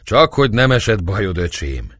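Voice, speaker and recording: A man's voice: on the low side, very animated, a bit bright, dry recording, clean studio sound. A man voicing a hearty, merry old nobleman who speaks cheerfully. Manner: cheerful, laughing.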